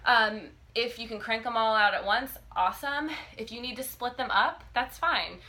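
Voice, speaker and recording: A woman in her thirties giving a casual, halting exercise demonstration as a fitness coach, often checking in as she instructs. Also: fairly high pitch, pushed and bright. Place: living room, indoors. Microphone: phone or camera a few feet away. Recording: noisy home video, phone mic.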